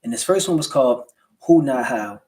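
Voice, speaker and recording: An American man talks to his livestream audience in a casual, motivational way. His words are slightly slurred from a swollen lip. He keeps it colloquial, dropping in quick check-in questions as he goes. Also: mid-range voice, expressive, darkish tone. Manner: colloquial motivational delivery with rhetorical check-ins. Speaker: livestream host, entrepreneur. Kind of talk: casual livestream talk to viewers.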